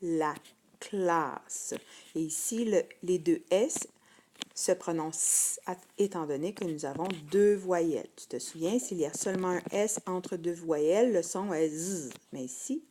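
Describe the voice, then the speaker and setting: A woman's voice: fairly low pitch, normal speed, dark tone, a little hiss or hum. A woman teacher with a Québécois French accent, giving a patient phonics lesson to first graders and repeating each word twice.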